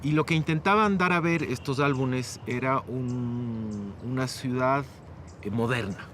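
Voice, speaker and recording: A man's voice: medium pitch, measured pace, over music. A man with an Ecuadorian Spanish accent, explaining in an academic way as a curator in a documentary interview.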